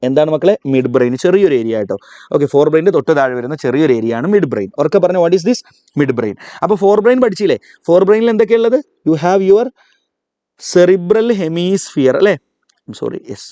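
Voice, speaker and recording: A man teaching a live online biology revision class with a Malayali accent, calling on students to repeat terms aloud and spelling key words out slowly. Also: on the high side, mellow, no echo.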